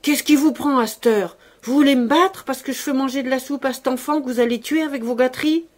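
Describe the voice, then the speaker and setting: A woman's voice: a little fast, darkish tone. A woman voicing a strong old female servant who yelps and scolds in a rage. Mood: furious shouting. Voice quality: shrill, yelping. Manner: screaming and scolding.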